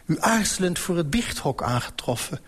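A man reading an audiobook voices a persuasive elderly male cardinal who talks smoothly and patiently, quietly domineering. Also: fairly high pitch, sing-song, normal speed, voice pushed up.

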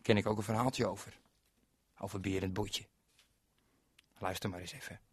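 A man's voice: on the low side, fairly even intonation, moderate pace, breathy edge, dry recording. A man telling a story to children on a radio show, playful and speaking to young listeners directly.

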